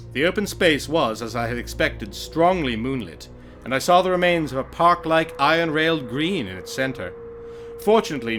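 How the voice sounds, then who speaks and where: A man narrating a horror story as a dramatic reading, with theatrical, deliberate emphasis. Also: medium pitch, fairly bright tone. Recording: music behind the voice. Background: music.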